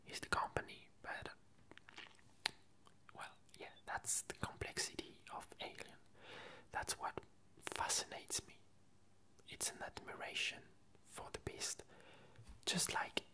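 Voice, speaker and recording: In a sharp-toned, roughly recorded clip, an ASMR creator whispers breathily and unvoiced, chatting casually in a halting, meandering way with many self-corrections.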